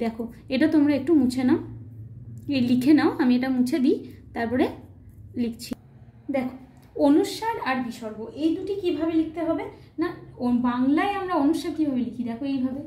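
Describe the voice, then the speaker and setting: A woman's voice: sits high, dark tone, reverberant. A woman teacher explaining a grammar lesson patiently, step by step, often checking that students follow. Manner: patient, step-by-step, often asks "ঠিক আছে?".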